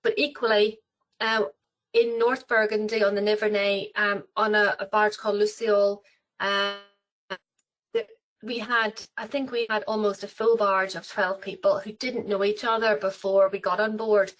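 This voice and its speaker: A woman's voice: medium pitch, flat delivery, moderate pace, fairly bright tone, rough recording. A woman with an Irish accent, talking about cruises in a webinar interview, rambling with many fillers and restarts. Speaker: travel company representative.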